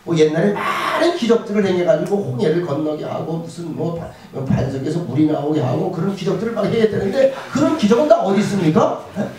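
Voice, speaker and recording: A male pastor giving a lively chapel sermon to students, acting out prayers and quizzing the audience. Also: a little high, fairly quick, hardly any pauses. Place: school chapel. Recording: echoey hall, mic from far off.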